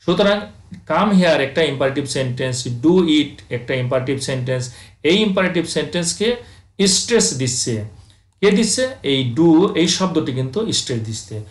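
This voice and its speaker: A man teaching English grammar over slides, asking his students questions and answering them himself, reading the English examples out slowly. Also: a little high, roomy sound. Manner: addresses students as dear friends, asks and answers own questions; reads English examples slowly, then explains.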